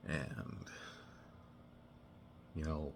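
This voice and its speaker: A man with a notably low voice tells a personal story in a loose, casual way. He stops and restarts often and fills gaps with "you know". A faint hiss of noise sits under his voice. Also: lively intonation, vocal fry. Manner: rambling, halting, full of restarts and "you know".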